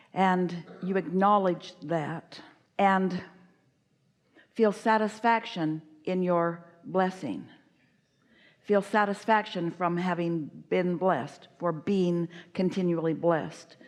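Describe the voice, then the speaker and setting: A woman speaks in an emphatic teaching cadence, as if channeling a group, and repeats her key phrases for weight. Her voice sits a little low for a woman. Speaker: spiritual speaker answering a guest. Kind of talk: channeled teaching in a live workshop.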